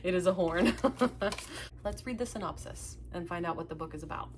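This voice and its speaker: A young woman whose first language is Russian chats casually at home while unboxing books and reading their blurbs aloud, laughing at her own stumbles. This book unboxing vlogger has a lowish voice at normal speed, with slight background noise.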